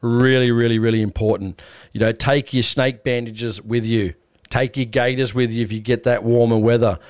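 A man's voice: medium pitch, fairly even intonation, normal speed, darkish tone, dry recording, studio quality. A man with an Australian accent hosting a podcast in a casual, blokey, plain-spoken way. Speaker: podcast host. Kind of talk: casual hunting podcast talk.

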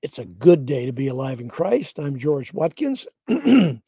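An older man hosting a devotional Bible teaching broadcast, speaking slowly and reflectively in a rough morning voice, often clearing his throat. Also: fairly high pitch, very animated, warm tone.

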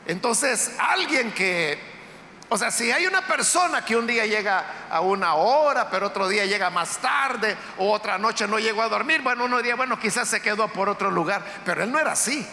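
A man pastor telling a story during a Sunday sermon in a church, conversational and unhurried. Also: sits high, animated, pushed and bright, slight background noise. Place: church sanctuary. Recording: echoey hall with long reverb, faint ambience.

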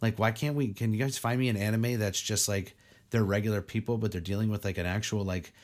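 A man's voice: on the low side, steady tone, brisk, a little mellow. Rambling, cussing casual male podcast host. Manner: rambling, swears freely, lots of "like". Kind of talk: casual chat.

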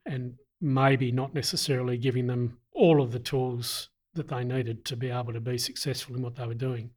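A middle-aged man, an army veteran, answering interview questions in a deliberate, earnest way with frequent pauses. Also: medium pitch. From Australia.

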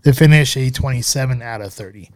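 This podcast co-host reviews scotch in a casual, rambling way, relaxed yet hesitant, restarting often and leaning on fillers. He speaks fairly quickly at a medium pitch. The audio has studio quality and no echo.

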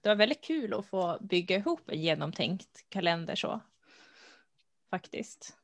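A woman co-hosting a casual chat, speaking in a relaxed, thoughtful way with hesitant fillers. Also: mid-range voice, dry recording. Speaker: podcast co-host. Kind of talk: casual chat about knitting.

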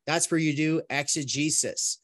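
A man teaching an online philosophy course in an informal, conversational lecture style, thinking aloud with animated asides and restarts. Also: fairly high pitch, moderate pace, no room sound, studio quality.

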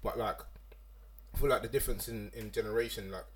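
A young man from Ghana hosting a casual podcast chat, animated and full of slang, his voice leaping up when he makes a point. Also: fast talker, a little hiss or hum. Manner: animated, London slang, jumps up in pitch when making a point. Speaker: podcast host.

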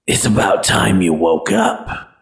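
A man voicing a disturbed, mournful old man who mutters in a low voice. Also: takes it slowly.

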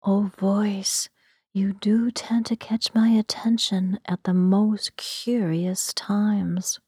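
A woman tells a first-person story in a soft, hushed whisper made for ASMR. Her delivery is slow and mellow, with a breathy edge. The recording is close and dry. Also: medium pitch, little pitch movement, dry recording. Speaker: narrator.

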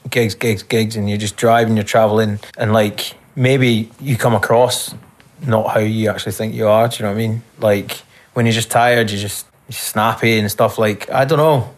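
A young man, a guest on a casual podcast, talking loosely and rambling with lots of fillers. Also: on the low side.

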